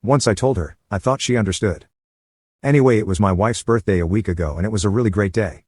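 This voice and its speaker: Male narrator, lower register, dry close read, steady storytelling delivery. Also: quick pace, husky, no room sound.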